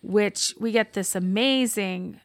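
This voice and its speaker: A woman co-hosting a podcast, excitedly recapping a TV episode in casual chat and swearing freely. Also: medium pitch, slow, no room sound. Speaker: podcast co-host.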